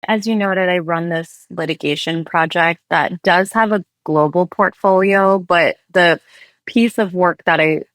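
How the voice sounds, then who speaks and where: A woman raised in the United States, a human rights litigator answering interview questions in an earnest, measured way. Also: fairly low pitch, a bit bright, no room sound. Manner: earnest, measured, thoughtful with restarts.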